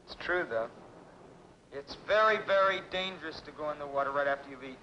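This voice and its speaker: A young actor playing a polite, hesitant young sailor. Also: male voice, a little high, a little fast, bright, forceful tone, slight background noise. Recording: dull 1960s film soundtrack.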